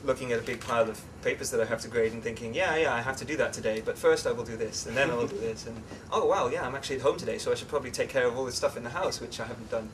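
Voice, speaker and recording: A young English-born man raised in the Netherlands, talking as an interview guest in a relaxed, chatty way with many fillers and restarts. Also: mid-range voice, racing, hardly any pauses. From England, raised in the Netherlands. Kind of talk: casual interview chat. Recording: distant mic with clear background noise.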